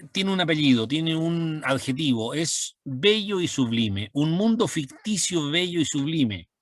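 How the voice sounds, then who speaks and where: A male teacher explains poetry slowly, repeating words and pausing with fillers. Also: on the high side, dry recording, studio quality. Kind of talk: recorded language lesson.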